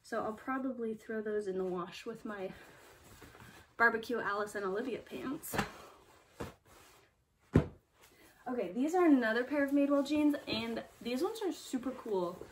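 A woman's voice: on the high side, lively intonation, measured pace, pauses often, recorded from a distance, noisy background. A young woman chatting casually through a thrift haul video, enthusiastic and full of fillers. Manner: chatty, filler-heavy, enthusiastic about finds. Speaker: thrift reseller vlogger.

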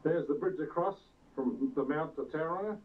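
Male home-video narrator, tinny, hissy old VHS tape, a bit high and off-mic, tour-guide manner. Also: recorded from a distance. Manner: unhurried, pointing out sights like a tour guide. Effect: old VHS tape sound.

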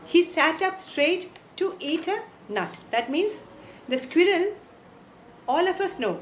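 A woman's voice: high voice, reverberant, a little hiss or hum. A woman teacher with an Indian English accent, explaining a poem to her class, repeating lines and asking the children questions.

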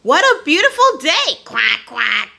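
A woman doing a loud quacking cartoon duck. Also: high voice, huge pitch swings, unhurried, creaky, voice pushed up, exaggerated voice. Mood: loud cheerful. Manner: quacking, shouting. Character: loud chatty female duck.

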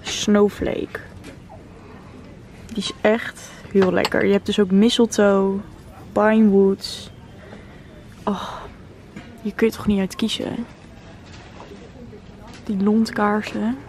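A woman's voice: medium pitch, little pitch movement, slow pace, long pauses, a little mellow, a little hiss or hum. A woman in her twenties chatting enthusiastically to viewers in a shopping vlog, recorded at home and then in a store. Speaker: vlogger. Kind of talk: casual shopping vlog chat. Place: home living room, then inside a store.

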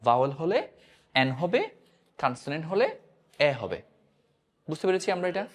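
Male teacher, grammar lesson, animated voice, slightly high pitch, repeats questions. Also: normal speed. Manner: repeats questions to students, drills answers. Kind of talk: classroom-style grammar lesson.

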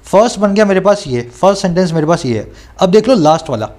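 A man coaching students through an exam paper, reading English questions out slowly and explaining them, often checking that they follow. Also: high-pitched, animated, darkish tone. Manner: reads English questions aloud slowly, then explains in Hindi.

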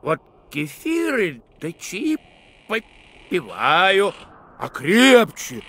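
A man playing a jovial, grateful geologist in an animated adventure game, in a theatrical, exclamatory way. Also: high voice, extremely slow, full character voice. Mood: friendly.

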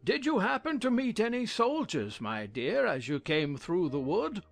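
A man's voice: sits high, wildly swooping pitch, measured pace, vocal fry, faint music behind, full character voice. A man playing a mild, fussily precise king in a storybook audio drama. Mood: mild, kindly. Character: fussy, gentle, dithering King of Hearts.

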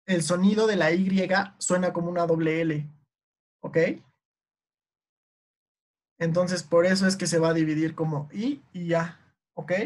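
A Mexican woman teaching an online class, explaining poetry meter slowly and patiently, and often checking in with a quick "ok?" as she goes. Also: lowish voice, a little mellow.

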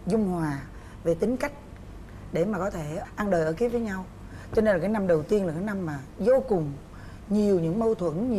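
A woman's voice: mid-range voice, warm tone, a little hiss or hum. A woman host, chatting and giving marriage advice in a motherly, teasing way. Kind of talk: casual chat.

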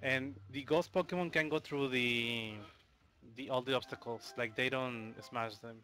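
Here a Mexican man talks through his speedrun live while playing, casual and rambling with plenty of fillers. He speaks in a mid-range, steady voice at an unhurried pace, with a pushed, bright quality. His Mexican accent comes through.

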